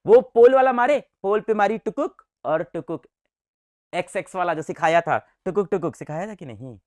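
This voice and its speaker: A man's voice: a little high, animated, normal speed, dry recording, clean studio sound. A man teaching a science lesson in a playful, sing-song way, repeating key words, quizzing his students and making sound effects.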